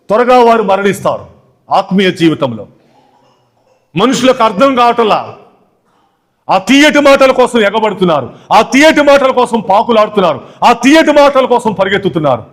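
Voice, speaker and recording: A man preaching a sermon as pastor, emphatic and repetitive, firing rhetorical questions at the congregation. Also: sits high. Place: church watch night service.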